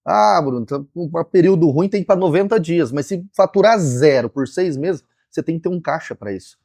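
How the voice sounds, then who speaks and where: A podcast host with a somewhat high voice, recorded close and dry. He explains business ideas in a calm, advisory way. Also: fairly quick, dry recording. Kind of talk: conversational interview.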